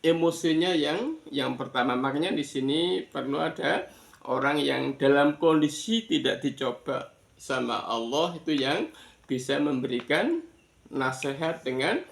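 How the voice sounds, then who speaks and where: A man giving an explanatory religious lesson, deliberate, pausing between short phrases and repeating words for emphasis. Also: medium pitch, gravelly. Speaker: Islamic religious teacher. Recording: echoey room.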